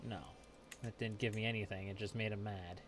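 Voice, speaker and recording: A man's voice: on the low side, steady tone, a little fast, slight background noise. A man hosting a let's play, chatting casually and reading game text aloud as he plays, often chuckling. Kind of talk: casual gameplay commentary.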